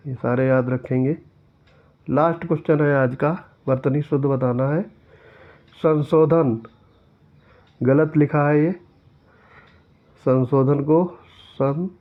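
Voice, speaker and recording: A man's voice: on the high side, steady tone, takes it slowly, long pauses. A man teaching an exam-prep lesson who reads each question aloud and then corrects it step by step. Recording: tinny phone-like sound.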